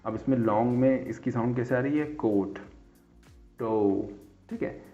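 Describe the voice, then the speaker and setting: Male teacher, middle pitch, casual explainer who keeps checking in, dull lo-fi recording with faint music under it. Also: steady tone. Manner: repeats "theek hai" as a check-in after nearly every point; spells and repeats example words slowly. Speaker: English teacher. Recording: dull lo-fi sound.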